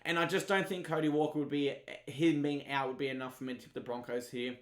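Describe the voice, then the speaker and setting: A man's voice: mid-range voice, steady tone, fast, roomy sound. A young Australian man giving casual, chatty rugby league tips and often calling his viewers "guys". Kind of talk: informal tipping preview.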